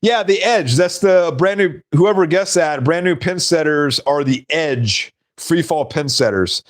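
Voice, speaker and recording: A man's voice: a little high, expressive, measured pace. Chatty man hosting a live stream. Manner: rambling, laughs at his own stories. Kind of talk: casual live stream chat.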